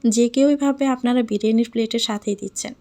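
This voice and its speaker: A woman's voice: a little high, fairly even intonation, quick pace, warm tone, natural voice. Woman reading as a feisty, hot-tempered young heroine. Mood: indignant.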